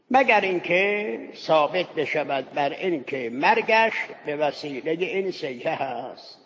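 A male seminary teacher lectures on religious law, breaking each case into its conditions and returning to Arabic terms. His voice sits fairly high for a man. The recording is dull and muffled, with a long hall echo and a faint hiss underneath. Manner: explains step by step, repeats key points, Arabic legal phrases. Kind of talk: Islamic jurisprudence lecture.

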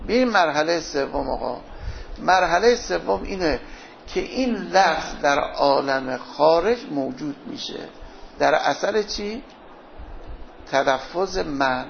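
A man lectures on philosophy in a gravelly voice pitched a little high. He keeps posing questions to the class and answering them himself. The recording sounds dull and lo-fi. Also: a little hiss or hum. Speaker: teacher.

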